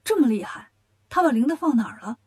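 A woman voicing a cheeky, cocky monkey king in a children's storybook tale, talking briskly. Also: sits high, animated, darkish tone, slightly rough. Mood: scheming.

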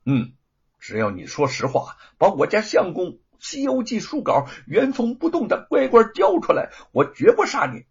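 A man voicing a calm, commanding young swordswoman in a told story, coolly threatening. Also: sits high, normal speed, husky, dull audio, voice pushed up, heavily acted. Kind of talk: storybook character voice.

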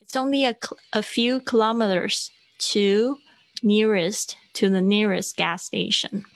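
A woman in her thirties teaching English in a chatty livestreamed lesson, explaining step by step and slowing down to sound out words. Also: medium pitch, vocal fry, dry recording.

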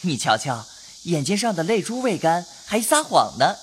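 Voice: medium pitch, very animated, moderate pace, a little hiss or hum, lightly acted. A voice actor playing an earnest, impulsive young nobleman who speaks in a pleading way, in an audio drama.

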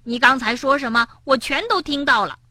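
A woman voicing a timid young male frog who often speaks in a hushed, whispering way in a children's storybook. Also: high voice, a little fast, no echo, clean studio sound, voice pushed up. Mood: annoyed.

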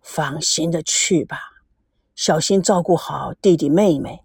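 A woman voicing a tired, reclusive old grandfather in an audiobook, with a sharp bark that sinks into a low, worn-out voice. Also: measured pace, vocal fry, husky, dry recording, studio quality. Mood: weary. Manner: barking, then tired and low. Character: weary, gruff old grandfather who shuts himself away.

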